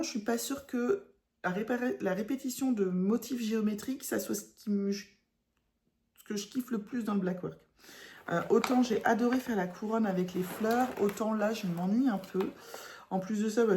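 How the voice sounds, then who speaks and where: A woman's voice: medium pitch, mellow, a little hiss or hum. A woman with a northern French accent chatting casually about her embroidery, self-mocking and laughing often. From northern France. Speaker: embroidery vlogger. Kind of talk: casual chat.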